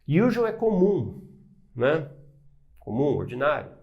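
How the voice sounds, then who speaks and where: A man's voice: fairly high pitch, very animated, takes it slowly, dull audio. A man with a Brazilian Portuguese accent, teaching an English lesson and explaining pronunciation step by step, often asking "né?" and pointing at words. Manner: pointing at words on a board or screen.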